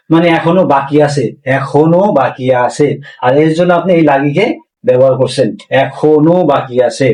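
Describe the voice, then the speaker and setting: A man's voice: on the high side, darkish tone, distant mic. Man teaching a language lesson, roomy echo. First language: Bengali. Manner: repeats words slowly to drill pronunciation.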